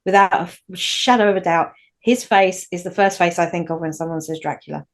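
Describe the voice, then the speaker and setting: This podcast co-host, a woman with a Northern English accent, talks briskly in a lowish voice. The chat is casual, and she rambles with frequent restarts.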